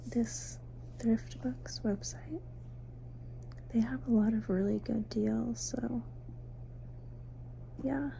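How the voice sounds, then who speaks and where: A woman giving a soft, sleepy, casual ASMR ramble, mostly in a breathy whisper, unhurried and intimate as if talking to the listener. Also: fairly high pitch, slight background noise, rough recording. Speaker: ASMR host. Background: faint night ambience, crickets outside.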